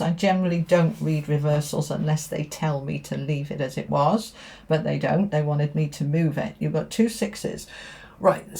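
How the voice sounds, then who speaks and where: A woman's voice: low voice, gravelly, mellow. A woman giving a tarot reading straight to viewers, speaking in an emphatic, affirming way and repeating key phrases. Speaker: tarot reader.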